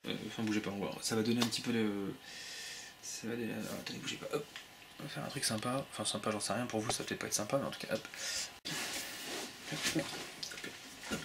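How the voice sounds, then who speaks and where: A man hosting a casual livestream from a home room on a laptop webcam, reading viewers' messages aloud in a quick, playful way with many restarts. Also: on the low side, steady tone, noisy background. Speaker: livestream host. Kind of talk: casual live chat with viewers. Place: home room with shelves of CDs.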